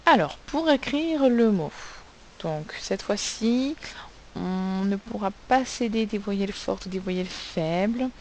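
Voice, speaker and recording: A woman's voice: medium pitch, lively intonation, slow, a little hiss or hum, low-quality recording. A woman teacher giving a recorded spelling lesson to children, patiently spelling words out sound by sound. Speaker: primary school teacher.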